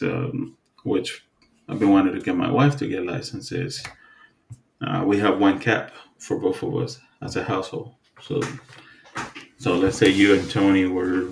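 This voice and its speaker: Low gravelly man, relaxed podcast talk. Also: unhurried, slight background noise. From Dominican Republic. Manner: relaxed, hesitant with many fillers and restarts. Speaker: podcast co-host. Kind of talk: casual chat.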